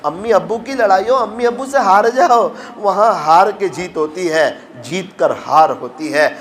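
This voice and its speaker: A man preaching a sermon, telling moral stories with emotion and acting out the voices of the people in them. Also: slight background noise. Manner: emotional, acts out quoted voices with rising pitch. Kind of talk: sermon with storytelling.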